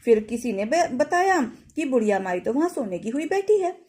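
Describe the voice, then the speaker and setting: Woman telling an old village story, high voice that jumps around a lot, kinda mellow tone. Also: big pitch swings, moderate pace. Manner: rustic village dialect, voices characters with pitch shifts. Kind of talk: devotional folk tale narration.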